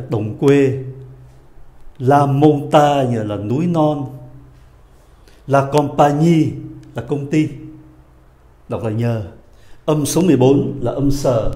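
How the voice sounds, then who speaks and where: A man gives a pronunciation lesson in an unhurried, measured way. His voice is mellow and his pitch is ordinary. He draws each model word out slowly, and the room around him sounds echoey. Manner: slow, drawn-out model words between quick explanations. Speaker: French teacher.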